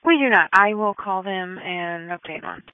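A woman's voice: medium pitch, moderate pace, dry recording. A woman dispatches on ambulance radio in short, procedural phrases. The sound is dry and squeezed into a narrow, phone-like two-way channel. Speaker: emergency dispatcher.

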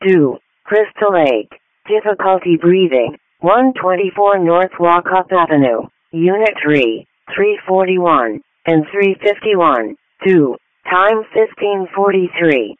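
A man's voice: high voice, lively intonation, slow pace, no echo. A man's voice reading formal fire dispatch announcements in separated phrases over radio. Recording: narrow, tinny radio channel.

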